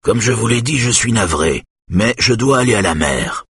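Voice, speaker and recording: Man voicing stubborn father in his 60s, deep, husky, curt, dry. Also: lively intonation, moderate pace, fairly bright tone, no room sound, exaggerated voice. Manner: curt, low commands. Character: injured older father, stubborn and commanding.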